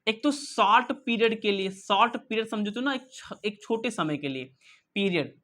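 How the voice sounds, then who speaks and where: A man's voice: high voice, normal speed, fairly bright tone. A man teaching an English grammar lesson in a playful, teasing way. He keeps firing rhetorical questions at his students and answering them himself, and he repeats the key words over and over to drive them home. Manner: playful, teasing, calls students beta and bhai. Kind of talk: online classroom lesson.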